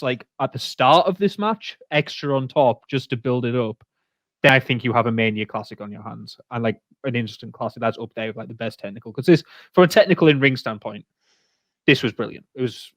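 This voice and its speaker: A man co-hosting a podcast in casual chat, excitable and quick to laugh. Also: mid-range voice, no room sound. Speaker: podcast co-host.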